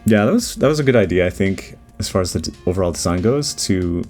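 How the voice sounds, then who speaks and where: A man with a very low voice talks through his 3D modeling process in loose, rambling commentary, stopping often to restart his thoughts. Faint music plays quietly behind him. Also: quick pace. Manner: relaxed, rambling, with many fillers and restarts. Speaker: 3D artist giving commentary. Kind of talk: casual voice-over commentary on a modeling timelapse. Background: faint background music.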